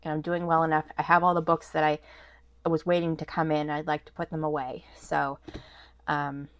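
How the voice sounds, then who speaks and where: A woman with a deep, fairly flat voice talks a little fast, sounding stuffy and nasal from a cold. Sitting at her home desk, she hosts a casual haul vlog, rambling with plenty of ums and restarts. The recording is dry.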